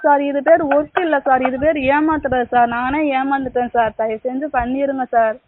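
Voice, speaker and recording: A woman's voice: sits high, fairly even intonation, brisk, crowd noise. A woman on a phone call, begging and repeating "sir" in nearly every line as she pleads for her money back. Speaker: scam victim on a phone call. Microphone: phone call recording. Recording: tinny phone line with loud noise.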